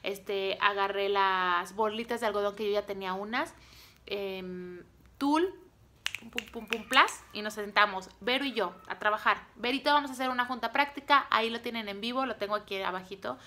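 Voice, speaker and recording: A woman with a Mexican accent speaks straight to her viewers as a direct-sales team leader. She tells her story in quick, punchy bursts and acts out the conversations with lively energy. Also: mid-range voice. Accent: Mexican Spanish. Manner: animated, acts out dialogue, punchy short phrases.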